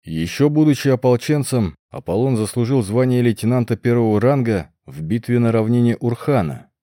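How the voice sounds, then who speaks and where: A man's voice: medium pitch, animated, normal speed, dark tone, dry recording, studio quality, lightly acted. A man voicing a commanding middle-aged male governor who speaks in a formal, proclaiming way.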